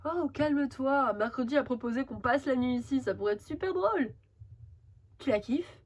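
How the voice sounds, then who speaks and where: A woman voicing a relaxed, teasing teenage boy who is curious about monsters, in an amateur fan voice drama. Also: high-pitched, moderate pace, slightly rough. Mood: casual.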